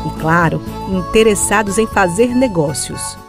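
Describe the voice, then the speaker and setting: Woman reporter narrating over loud music. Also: medium pitch, unhurried. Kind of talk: scripted news narration. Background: loud background music.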